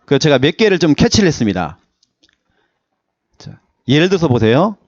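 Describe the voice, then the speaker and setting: A man's voice: fairly high pitch, fairly quick, no room sound, lo-fi sound. A man preaching a Sunday sermon as pastor, in a playful, joking manner. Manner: animated, playful preaching with jokes. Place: church service.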